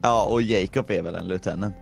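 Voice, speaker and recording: A young man gaming with a friend, chatting casually and lively. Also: deep voice, gravelly, soft background music. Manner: lively, jumps into loud squeals. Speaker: co-op gaming partner. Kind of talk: casual co-op gameplay chat.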